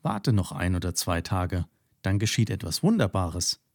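A man reading the lines of a kind, caring young girl in a children's story, speaking gently and soothingly. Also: sits low, animated, normal speed, no echo, clean studio sound. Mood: reassuring.

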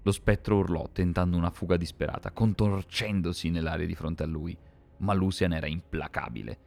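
A man reading a dark fantasy story aloud in a measured, dramatic scripted narration. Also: deep voice, creaky.

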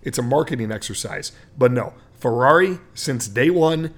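A man's voice: medium pitch, expressive, moderate pace. A man co-hosting a sports podcast, explaining racing at length in a casual chat, with many fillers. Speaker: podcast co-host.

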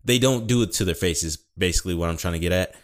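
Man, young adult, very low pitch, casual rambling talk, swears a lot, self-corrects, mild speech impediment. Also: very fast. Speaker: podcast host.

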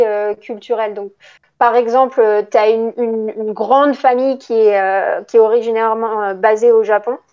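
A woman's voice: a little high, a little mellow, dull audio. A woman co-hosting a casual book podcast, explaining at length with many hesitations. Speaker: podcast co-host. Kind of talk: casual chat about books.

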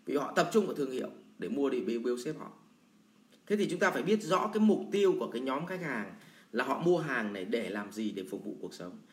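A man's voice: mid-range voice, big pitch swings, fast. A man teaching sales in a blunt, colloquial lecture full of everyday examples. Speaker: sales trainer. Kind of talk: lecture answering a viewer question. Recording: roomy echo.

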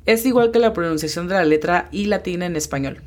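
A woman with a notably low voice leads a bilingual language lesson. She explains each sound patiently and slows right down when spelling letters out. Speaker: English teacher hosting a lesson podcast.

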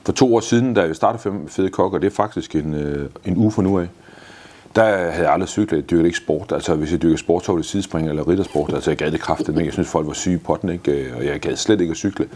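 A man's voice: low-pitched, a little mellow. A man in his fifties answering interview questions in a blunt, enthusiastic way, swearing freely. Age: 50s. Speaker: guest.

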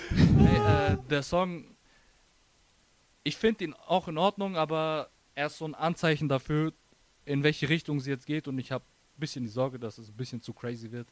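A man's voice: on the high side, normal speed. A man chatting casually about music, joking and dropping in English phrases. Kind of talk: casual music review chat.

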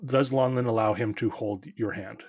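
A man's voice: on the low side, fairly even intonation, normal speed, darkish tone, breathy edge, dry recording, studio quality. A man narrating as game master in a tabletop game, casual, with lots of fillers.

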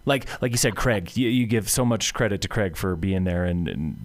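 A man interviewing a guest in a casual, relaxed way, encouraging her and asking follow-up questions. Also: lowish voice, normal speed.

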